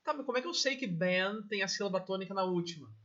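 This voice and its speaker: A man's voice: high-pitched, quick pace, fairly bright tone, highs cut off. A Brazilian man teaching English grammar step by step, checking in with his class after nearly every phrase. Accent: Brazilian Portuguese. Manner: explains step by step, checks in with "tá?" and "né?" constantly. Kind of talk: recorded grammar lesson.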